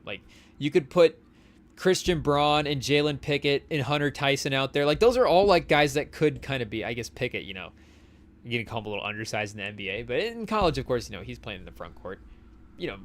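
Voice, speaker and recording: A man's voice: mid-range voice, fairly bright tone. A young man co-hosting a podcast, talking basketball in a loose, rambling way with lots of fillers and asides to a live chat. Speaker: podcast co-host. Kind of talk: casual sports talk to a live chat. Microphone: studio mic on a live stream.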